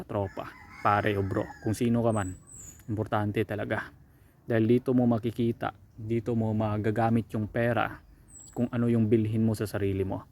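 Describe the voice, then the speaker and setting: Low, flat-voiced Filipino man giving advice. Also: slight background noise. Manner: addresses viewer as bro, repeats "okay", frequent restarts. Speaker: self-help vlogger. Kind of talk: casual advice monologue.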